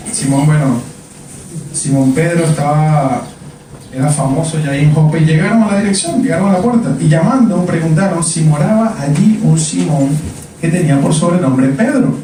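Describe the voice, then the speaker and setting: A man preaches in a mellow, slightly high voice. He leans on emphatic repetition and keeps asking the congregation questions. The sound is heavily echoey, picked up from far across the church. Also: slight background noise. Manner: emphatic, repeats words and asks the congregation questions. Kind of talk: sermon. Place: church sanctuary.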